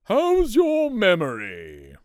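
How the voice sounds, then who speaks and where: A woman's voice: mid-range voice, wildly swooping pitch, slow pace, no room sound, studio quality, voice pushed up. A woman doing a pompous, lecturing elephant. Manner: lecturing, huffy. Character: pompous, brainy elephant club leader.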